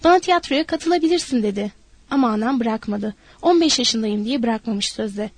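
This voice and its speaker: A woman voicing a lonely, restless young wife in an audiobook, talking in an eager, rushing, pleading way. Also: fairly high pitch, expressive, dry recording. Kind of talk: audiobook character voice.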